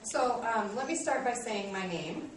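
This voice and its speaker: Her voice on the high side and expressive, a college instructor in her late thirties teaches a class at normal speed, friendly, self-deprecating, and full of ums. The recording comes from far off in an echoey classroom with a noisy background.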